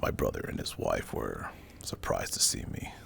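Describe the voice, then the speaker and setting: A man narrating a scripted first-person horror story as hushed ASMR, with a breathy, gravelly, spooky delivery. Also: very deep voice, fairly even intonation. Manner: slow, hushed, deliberate and spooky. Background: music.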